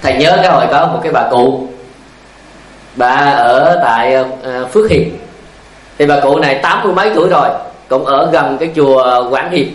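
A man's voice: medium pitch, moderate pace, echoey room, poor audio. A male Buddhist monk giving a dharma talk, asking rhetorical questions and telling stories. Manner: repetitive, asks rhetorical questions, tells stories. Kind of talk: sermon with anecdotes.

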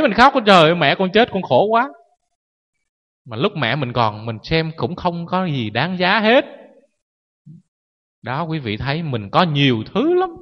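A man, a Buddhist monk giving a sermon, who keeps questioning his listeners and acts out people wailing. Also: fairly high pitch. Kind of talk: dharma sermon. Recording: echoey hall, dull lo-fi sound.

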